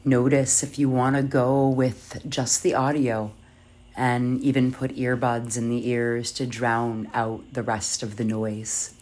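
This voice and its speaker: A meditation guide leading yoga nidra in a soft, soothing, measured voice with long pauses. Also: medium pitch, little pitch movement.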